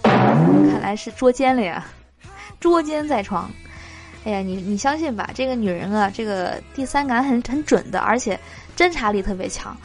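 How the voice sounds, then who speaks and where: A woman's voice: mid-range voice, lively intonation, normal speed, over music. A woman hosting a comedy podcast, reading short jokes aloud in a chatty way and laughing between them. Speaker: podcast host.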